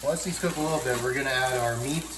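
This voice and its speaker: Talking fast in a medium-pitched voice, a man stuffed up from a cold runs a chatty, relaxed cooking demo at home. The kitchen noise, frying, and clatter come through clearly in the roomy sound.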